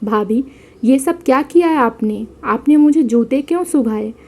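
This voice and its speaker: A woman's voice: high-pitched, expressive, normal speed, darkish tone. A woman voicing a chatty, modern sister-in-law who speaks in a bubbly way.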